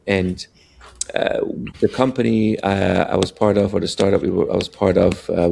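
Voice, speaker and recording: A man in his forties, born in Iran and raised in Germany, speaking as a relaxed podcast guest with many fillers. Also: low-pitched, gravelly, husky. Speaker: guest, venture capitalist. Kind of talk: casual podcast interview.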